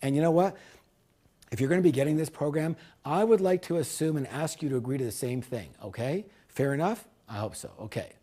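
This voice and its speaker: A man pitching a business course as a seminar speaker, emphatic and salesman-like, repeating key words for punch. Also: fairly quick, mellow.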